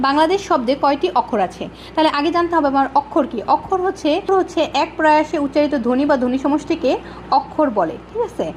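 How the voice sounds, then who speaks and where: A woman tutor talks fast in a high voice, explaining step by step. She keeps asking the class questions and answering them herself, repeating the main points. Faint noise sits under the recording. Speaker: exam-prep tutor. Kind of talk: casual spoken lesson.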